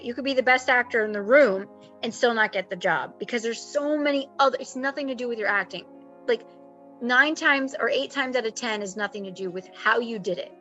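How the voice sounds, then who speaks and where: A woman acting coach talks in a lively, chatty way on a video call. Her voice is bright and fairly high. The call audio is a little muffled, with faint music behind. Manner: animated and chatty, with frequent fillers. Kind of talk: casual advice chat. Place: home, with construction noise outside.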